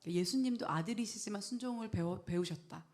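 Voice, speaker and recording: A woman's voice: mid-range voice, a little fast. Earnest Korean woman pastor giving testimony. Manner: earnest, lively storytelling with whispered prayers. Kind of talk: testimony sermon.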